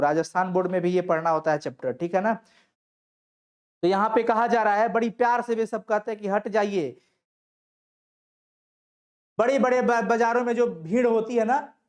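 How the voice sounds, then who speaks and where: Male teacher, online class. Reads out a passage, explains it, and asks questions he answers himself, in a reassuring, coaxing way. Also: high voice. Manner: reads the text aloud, then explains it and answers his own questions. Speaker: Hindi teacher.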